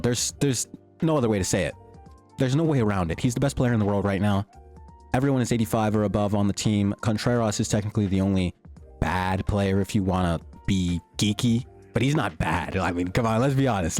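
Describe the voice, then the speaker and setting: A young man giving excited, slangy commentary over his own gameplay, his voice starting to go. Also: lowish voice. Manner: hyped, slangy, swings between joking and shouting. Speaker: gaming YouTuber. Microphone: desktop mic, peaking.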